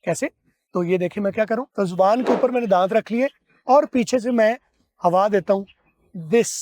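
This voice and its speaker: A man from Pakistan teaching English pronunciation in a spoken lesson. He demonstrates sounds slowly, repeats them, and asks questions that he then answers himself. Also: sits high, darkish tone. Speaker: accent teacher.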